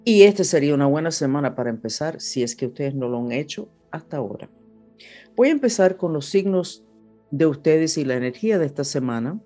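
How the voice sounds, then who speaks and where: A horoscope presenter speaks a little fast in a low, expressive, mellow voice. She addresses her audience in second-language Spanish over music, talking freely about astrology and the spiritual.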